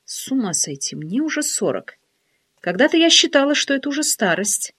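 A woman narrating a novel in the first person, calm and wry. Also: high voice, normal speed. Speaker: audiobook reader.

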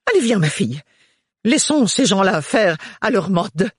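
A man putting on a shrill, domineering mother from a storybook, her voice jumping high and loud in a dry, close recording. She pushes and scolds, brisk and overbearing. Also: very animated, husky, no room sound, full character voice. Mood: indignant. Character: bossy loud middle-aged mother, overbearing.

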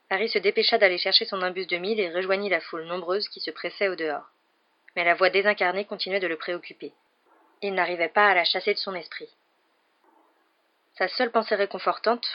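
A woman reads an audiobook at a steady, measured pace, her voice set somewhat low. The recording sounds dull and lo-fi, with little sparkle in the top end. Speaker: audiobook reader. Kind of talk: audiobook narration.

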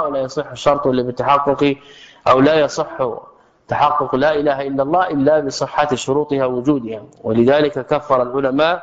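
A man teaching an Islamic text in a religious lecture, speaking emphatically and posing rhetorical questions to his audience. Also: on the high side. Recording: echoey hall, dull lo-fi sound.

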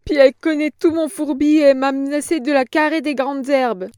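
Woman doing a shrill, whining old hag, high and loud, dry studio read. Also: fairly even intonation, moderate pace, no room sound, lightly acted. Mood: whining, frightened. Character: old vulgar female innkeeper, whining and scared.

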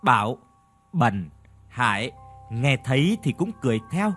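A man narrating a scripted audio story in an expressive, dramatic storytelling manner. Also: medium pitch, unhurried, soft background music.

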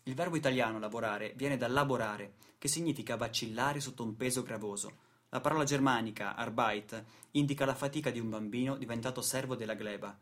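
This is a scripted radio theatre monologue, declaimed solemnly and rhetorically by a man who is a stage actor and narrator, with music in the background. His medium-pitched voice has a slightly bright quality.

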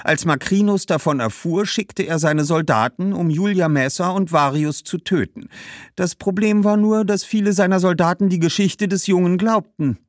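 A man voicing Cassia, an excited Roman woman eagerly spreading news and gossip in a high voice. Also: normal speed, no echo, studio quality, close to an everyday voice.

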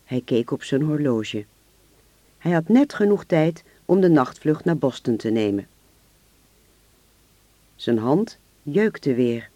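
Man reading a story aloud, steady pace, a bit high voice, dry close mic. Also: slow, pauses often, no room sound. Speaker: narrator. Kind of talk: reading a radio-drama story.

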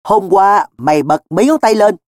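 A man voicing a hot-tempered teenage boy who scolds in sharp, raised outbursts. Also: high voice, expressive, very fast, no room sound, studio quality, voice pushed up. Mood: angry.

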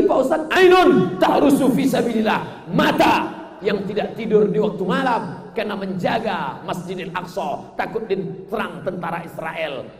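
A man preaching a sermon with humor, chanting verses and then explaining them, rising to shouted emphasis. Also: very high voice, creaky. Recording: echoey hall, faint noise.

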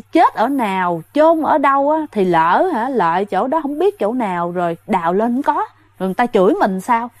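A woman tells a ghost story in a relaxed, conversational way, with plenty of fillers and frequent asides to her listeners. Her voice sits a little higher than most women's and is recorded dry and close, with almost no room sound. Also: no echo. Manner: chatty, addresses listeners directly, many fillers. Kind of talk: casual spoken storytelling.

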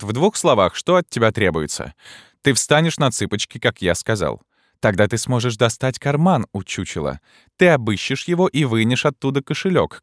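A man's voice: on the low side, dry recording, clean studio sound, voice pushed up, lightly acted. A man doing a scornful vagabond king. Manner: commanding, scornful. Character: mocking bossy male king of vagabonds.

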